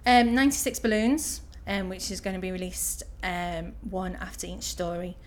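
There's a little hiss or hum behind this lowish, steady female voice at a normal speed. Her Liverpool accent marks her as being from Liverpool, England; she's in her thirties and responds to interview questions in a casual, hesitant way, full of ums.

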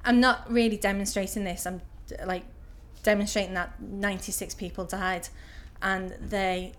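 A woman's voice: medium pitch, fairly even intonation, moderate pace. A woman in her thirties with a Liverpool accent, answering interview questions casually and hesitantly, with many filler ums. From Liverpool, England.

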